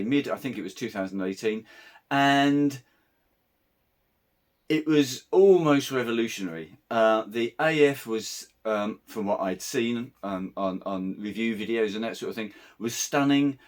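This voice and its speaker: A man with a slightly croaky throat talks through a camera comparison in a relaxed, meandering way. His pitch sits in an ordinary middle range, and he sounds like a working wedding photographer chatting to his viewers. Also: normal speed. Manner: conversational, meandering. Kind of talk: casual camera review vlog.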